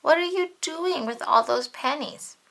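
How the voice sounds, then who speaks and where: A woman's voice: high voice, unhurried, gravelly, a bit bright, voice pushed up, full character voice. A woman voicing a friendly, helpful, childlike big bird puppet in a storybook, with an eager, innocent manner. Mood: cheerful.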